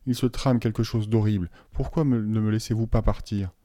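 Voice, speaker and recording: A man's voice: lowish voice, normal speed, warm tone, no echo, studio quality, close to an everyday voice. A man voicing a frightened but defiant schoolboy who pleads and bursts out in anger. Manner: pleading, rising to angry outbursts.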